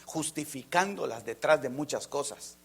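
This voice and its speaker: A man preaching a fervent sermon, jumping from loud emphatic lines to near-whispers and often addressing listeners as brother. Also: mid-range voice, expressive, normal speed, creaky, slightly rough. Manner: keeps calling listeners "hermano".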